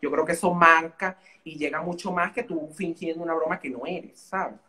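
Animated young Venezuelan man, fairly high voice. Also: moderate pace. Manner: animated, theatrical storyteller. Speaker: guest YouTuber. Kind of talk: casual interview chat.

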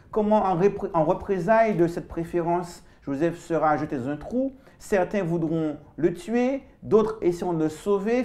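A woman presenting a Bible study, recounting a scripture story in a measured way. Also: lowish voice, darkish tone.

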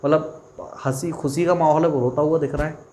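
Higher-voiced male biology teacher. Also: fairly even intonation, a little fast, dark tone, a little hiss or hum. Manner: asks questions and answers them himself, repeats key terms. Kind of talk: exam-prep lecture.

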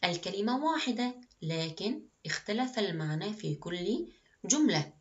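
A woman's voice: mid-range voice, big pitch swings, dull audio. Encouraging woman teaching young children. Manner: slow, clear, encouraging teacher talk with frequent praise. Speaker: primary school Arabic teacher. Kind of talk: recorded classroom lesson.

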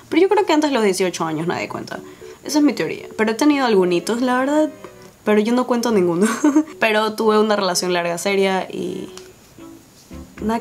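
A young woman in her twenties with a Guayaquil Spanish accent, chatting casually and laughing while she answers viewer questions and does her makeup in front of a camera. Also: medium pitch. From Ecuador. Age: 20s. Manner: chatty, laughs often, filler-heavy. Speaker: beauty YouTuber. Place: small indoor room before a dark backdrop. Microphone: camera on tripod at head-and-shoulders framing.

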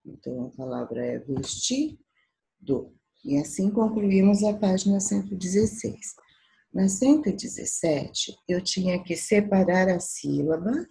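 Slow, husky, gravelly Brazilian teacher woman. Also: fairly low pitch, mellow, poor audio. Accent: Brazilian Portuguese. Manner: sounds out syllables slowly for young children. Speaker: primary school teacher. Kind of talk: slow, patient remote class lesson.

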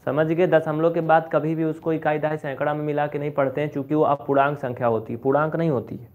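A maths teacher with a slightly high, fairly flat voice talks fast in a chatty online lesson. He scolds his students a bit and goes over each step again, and the sound is thin and phone-like.

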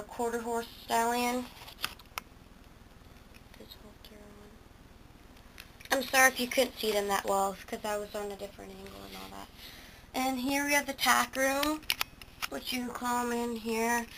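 With a slightly high, somewhat bright voice, a teen who makes toy horse barn videos gives a hesitant show-and-tell of her homemade model stable, full of ums and self-corrections. She's indoors with a handheld camera close to the toys, and the rough recording has a little hiss or hum.

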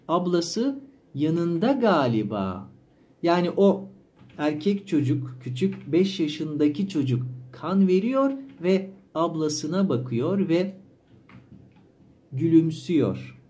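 A male language teacher reading a story aloud, pausing to repeat and explain words slowly. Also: on the high side, darkish tone. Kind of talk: slow explanatory reading lesson.

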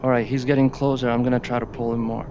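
Gravelly man calling out a dogfight. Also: mid-range voice, fast talker. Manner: tense, swears and laughs under pressure. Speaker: gamer flying a jet in a VR flight sim. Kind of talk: live gameplay commentary. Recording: muffled lo-fi with steady noise.

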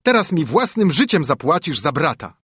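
A man voicing a small, fierce, vengeful male sparrow in a storybook reading, taunting and shrill. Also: very animated, normal speed, a bit bright, slightly rough, dry recording, studio quality, full character voice. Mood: threatening.

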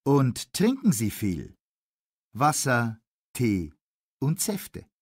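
A man acting a cheerful, fit man giving health tips in a scripted language-lesson dialogue, phrasing slowly and clearly. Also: mid-range voice, huge pitch swings, darkish tone, no echo, clean studio sound, exaggerated voice. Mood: upbeat. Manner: slow, clearly spaced phrasing.

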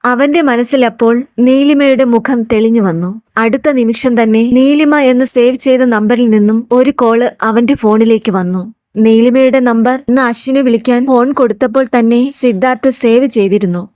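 A woman narrating a scripted audio serial in a steady storytelling voice. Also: on the high side, dry recording, clean studio sound.

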